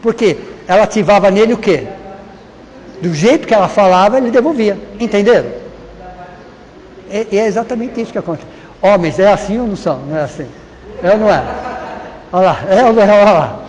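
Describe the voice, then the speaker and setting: A man's voice: high-pitched, animated, brisk, pauses often, a little mellow. A Brazilian man giving an informal lecture to a live class, chatty and repeating key words, often quizzing the audience. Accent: Brazilian Portuguese. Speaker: lecturer at a spiritist course. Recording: reverberant hall with faint noise.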